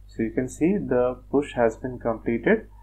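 A man presenting a screen-recorded software tutorial, talking step by step in a plain, methodical way with frequent fillers like "uh" and "like". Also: medium pitch, lively intonation, unhurried, slightly rough, poor audio. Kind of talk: screen-recorded technical walkthrough.

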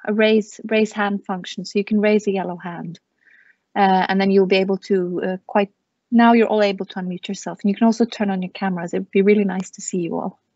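A woman's voice: mid-range voice, fairly even intonation, brisk, a little mellow, no room sound. A woman moderating an online seminar on a video call, talking hesitantly with many fillers. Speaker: webinar moderator. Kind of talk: hosting an online panel. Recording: dry, dull video call audio.

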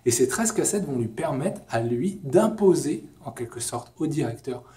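Lively young man in a lecture hall. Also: a little high, moderate pace. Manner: lively, talks with his hands, many fillers. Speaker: educational video host. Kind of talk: informal explainer lesson.

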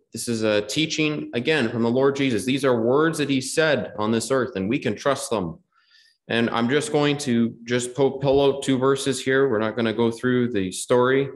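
Earnest male preacher in an echoey hall. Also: medium pitch. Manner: earnest, repeats key phrases, quotes scripture in old wording. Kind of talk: gospel preaching. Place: gospel hall.

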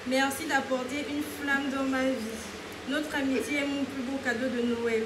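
High-voiced young woman reading a card. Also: steady tone. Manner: reads a friend's letter slowly, emotional. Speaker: vlogger opening gifts. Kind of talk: casual chat, reading a card aloud. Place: indoors at a home Christmas gathering. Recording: echoey room with background noise.

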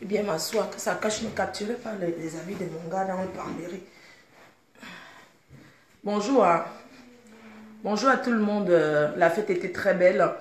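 A woman's voice: medium pitch, normal speed, long pauses, slight background noise. A woman who has just woken up, chatting casually and groggily to her viewers from her bedroom. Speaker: vlogger. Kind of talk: casual live video chat. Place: bedroom, indoors. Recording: echoey room.

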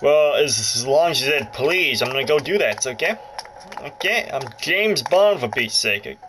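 A gaming video host, a man with a mid-range, slightly bright voice, delivers animated let's play commentary at normal speed, casual, rambling, jokey, and often cutting himself off. He is indoors about a foot from the handheld console, whose speaker plays game music amid slight background noise.

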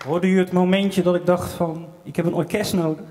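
High-voiced young man telling comic stories. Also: level tone, a little fast, crowd noise, background noise. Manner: wry, self-mocking anecdote telling. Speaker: comedian and singer-songwriter. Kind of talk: live stand-up storytelling. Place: small theater stage, open mic night.

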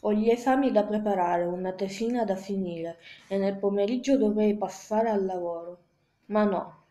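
A woman's voice: mid-range voice, moderate pace, dark tone. A woman reading a first-person novel aloud, stumbling and restarting words often, in an echoey room. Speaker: amateur reader.

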